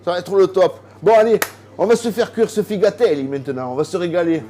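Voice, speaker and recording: Talking chattily straight to the viewer, a man from southern France hosts a casual cooking vlog in his home kitchen. His voice sits high and he speaks fast.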